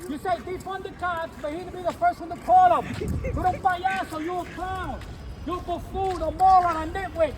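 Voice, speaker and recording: High-pitched shouting heckler in his 50s. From New York. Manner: shouting, repeating taunts, switching into Spanish. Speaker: street protester. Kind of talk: heckling at a rally. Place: outdoors by a city building. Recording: crowd and street noise. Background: crowd, traffic.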